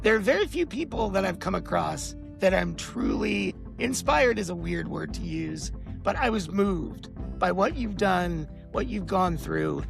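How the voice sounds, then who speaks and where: Gravelly, lively male podcast host. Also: sits high, unhurried, music in the background. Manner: effusive, warmly enthusiastic. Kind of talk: casual interview.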